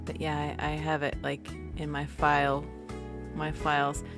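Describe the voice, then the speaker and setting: Woman streamer, low voice, rambling storyteller, casual game chat, faint music behind. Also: monotone, a little slow, fairly bright tone. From New York. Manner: rambling, chatty storytelling with many restarts and laughs. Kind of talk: casual chat while gaming.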